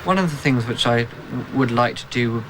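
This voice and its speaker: A young adult man, newly commissioned as an army officer, answers interview questions formally and hesitantly, searching for words. His mid-range voice moves fairly quickly, captured in a noisy field recording.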